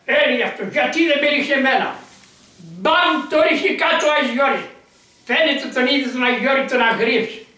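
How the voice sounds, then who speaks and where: A monk telling a miracle story with lively, wandering momentum, acting out the dialogue as he goes. His high, bright voice rings around a very echoey room and comes from far from the microphone. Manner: animated, rambling retelling full of quoted dialogue.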